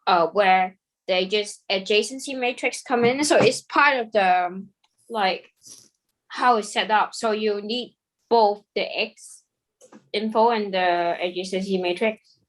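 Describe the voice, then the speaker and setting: A woman's voice: mid-range voice, measured pace, rough recording. A woman in an online study group patiently explaining a coding question over a video call, with casual fillers.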